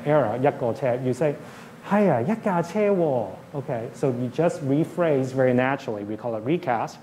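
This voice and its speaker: A man's voice: on the high side, mellow, slight background noise. A man giving a public university lecture, explaining points plainly and often checking in with the audience. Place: lecture hall.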